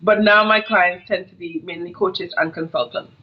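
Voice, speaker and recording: A woman in her thirties from Trinidad, with a Trinidadian accent, chats casually as a business coach in an interview, telling stories and laughing often. Her voice is on the low side, steady, and moderately paced. She's on a video call using an earphone headset in a home office with a brick wall, and the recording sounds muffled.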